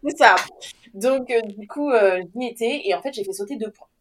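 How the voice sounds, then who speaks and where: A woman's voice: on the high side, moderate pace, a little hiss or hum. A young adult woman telling her own story in casual chat, acting out the voices in her quotes and laughing often. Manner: animated, acts out quoted dialogue, laughs often.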